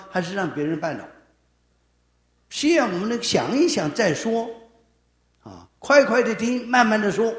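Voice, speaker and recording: A man preaching a sermon with an emphatic, animated delivery that swings between raised and lowered phrases. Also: echoey room.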